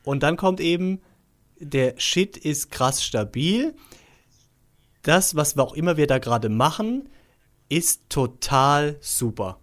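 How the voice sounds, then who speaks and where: A man in his forties co-hosting a casual podcast chat, explaining things slowly with amusement and laughing often. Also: on the high side, animated. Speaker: podcast co-host.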